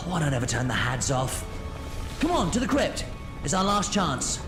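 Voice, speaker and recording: A man playing an eccentric, excitable adventurer in an audio drama, theatrical and exclamatory. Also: on the high side, normal speed. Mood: distraught. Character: eccentric excitable male time-travelling adventurer, commanding and theatrical. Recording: echoey hall, music behind.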